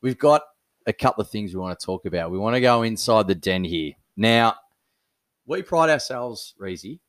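With a lowish voice and moderate pace, an Australian man co-hosting a podcast chats casually and tells stories, laughing frequently and staying animated. The sound has no echo.

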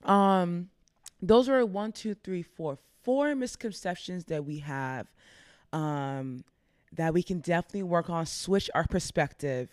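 A woman's voice: fairly low pitch, a little slow, a little mellow, no room sound, studio quality. A woman content creator giving casual, upbeat advice in a chatty way, laughing often.

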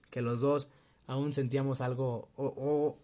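A young man with a Mexico City accent, telling a personal story in a casual, slangy, animated way with bits of laughter. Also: medium pitch, takes it slowly. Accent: Mexico City Spanish. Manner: slangy, laughing, animated retelling with quoted voices. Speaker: vlogger.

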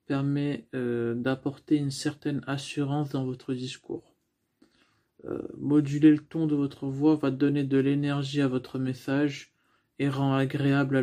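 A man's voice: mid-range voice, level tone, measured pace, dark tone. A man teaching about using the voice in communication, explaining step by step with frequent restarts and fillers. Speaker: speaking coach. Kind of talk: instructional talk on voice.

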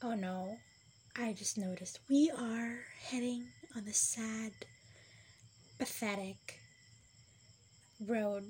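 A woman's voice: fairly high pitch, slow, long pauses, slight background noise. A young woman hosting her own podcast, chatting casually and rambling in a self-deprecating way, sometimes dropping to a whisper. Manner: rambling, self-deprecating, drifting between whispers and louder bursts. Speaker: podcast host. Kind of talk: casual solo podcast chat.

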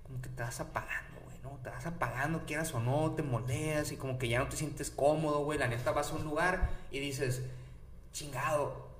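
A man's voice: a little high, normal speed. A man with a Mexican Spanish accent telling stories in a casual chat, full of slang, acting out what people said. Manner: slangy, animated storyteller acting out quotes. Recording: echoey room with faint background noise.

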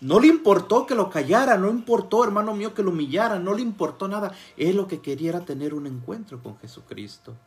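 A man delivers a sermon in a high-pitched, animated voice, talking fast with few pauses. He drops to soft murmurs, then rises to loud, fervent cries, calling out to his listeners as brothers.

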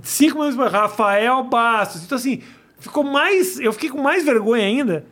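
A man's voice: very high-pitched, animated, quick pace. A man, hosting a casual chat in a laid-back, swearing way. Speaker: host.

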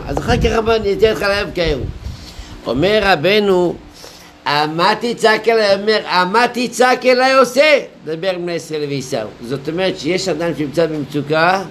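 A male rabbi delivers a Torah lecture in a somewhat high voice. He explains patiently, asks rhetorical questions, tells small stories and stretches key phrases slowly. Faint noise sits under the recording. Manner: deliberate, drawn-out phrasing with pauses.

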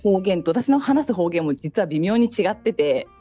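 A woman from Fukuoka city with a Hakata dialect, explaining things in an animated way during a casual podcast chat. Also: medium pitch, normal speed, husky, highs cut off, faint music behind.

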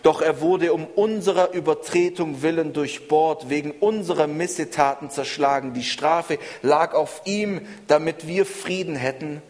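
Male preacher, earnest sermon delivery, slightly high voice, long hall reverb. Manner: earnest, measured preaching with repeated phrases.

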